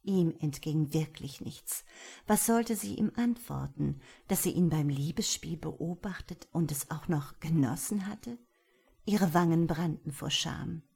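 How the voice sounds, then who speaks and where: A woman reading a novel aloud in steady, dramatic narration. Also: deep voice, measured pace, creaky, husky. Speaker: audiobook narrator.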